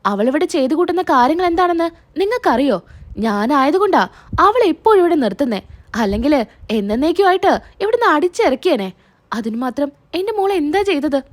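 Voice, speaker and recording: Upset dad sticking up for his girl, read by a woman, high lively voice. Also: a little fast. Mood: indignant. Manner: indignant, defensive. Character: protective middle-aged father, indignant.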